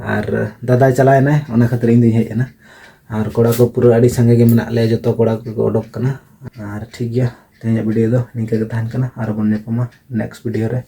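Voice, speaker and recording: Outdoors at a lit-up night event, a man vlogs casually and laughs often, with busy crowd noise all around. His mid-range voice has little pitch movement and a normal speed, and it's warm, with vocal fry and a breathy edge.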